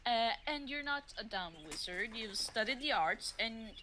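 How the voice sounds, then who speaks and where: A woman's voice: on the high side, animated, unhurried, bright, forceful tone, slight background noise, poor audio. A woman narrating as game master for a streamed tabletop game, loose and chatty, with many fillers and frequent laughs.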